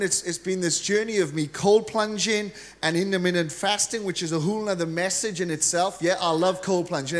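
On a big church stage, a middle-aged guest preacher from Wales paces with a handheld mic, gesturing freely as he gives a lively, humorous sermon. His Welsh-accented voice is strikingly high for a man.

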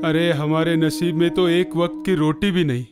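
A man's voice: on the high side, little pitch movement, moderate pace, over loud music, lightly acted. An actor playing a suffering male village outcast who cries out and laments. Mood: lamenting. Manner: crying out, lamenting and pleading. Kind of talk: devotional film acting.

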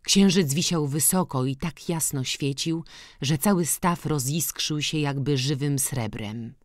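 A woman reads a classic novel aloud in a slow, unhurried, measured narration. Her voice sits in a middle register and the recording is dry and close, with no room sound. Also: low-pitched, no echo. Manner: slow, measured, even reading. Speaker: audiobook narrator.

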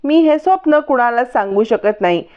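A woman's voice: on the high side, animated, moderate pace, a little mellow, smooth, natural voice. A woman voicing a scheming young woman who wails in put-on distress. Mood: distraught. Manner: wailing, melodramatic. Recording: dull lo-fi recording.

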